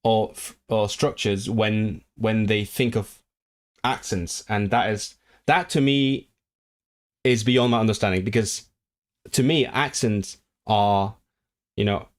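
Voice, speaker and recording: A man's voice: on the low side, slow. A man whose first language is not English, musing casually on a livestream and answering viewer comments. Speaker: language-learning streamer.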